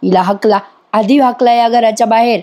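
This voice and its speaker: A woman's voice: fairly high pitch, steady tone, moderate pace, close to an everyday voice. A woman voicing an indignant, angry middle-aged father-in-law from a TV serial. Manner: indignant, shouting at a guest.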